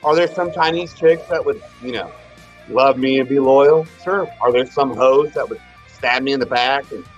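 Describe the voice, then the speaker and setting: A man's voice: medium pitch, normal speed, soft background music. A man co-hosting a podcast, telling a long story in crude casual chat, rambling, trailing off and restarting. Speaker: podcast co-host.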